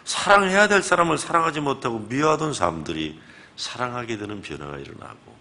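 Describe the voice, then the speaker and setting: A man's voice: medium pitch, a little fast. A man in his fifties, a guest pastor, preaching a revival sermon and acting out the conversations in his stories. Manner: animated storytelling, acting out conversations. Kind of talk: revival sermon with retold dialogue. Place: church sanctuary.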